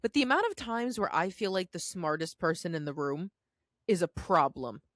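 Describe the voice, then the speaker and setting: Young woman co-host, slightly low voice, animated and incredulous, dry close mic. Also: moderate pace, dry recording. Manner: animated, incredulous, laughing asides. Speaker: podcast co-host. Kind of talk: casual chat.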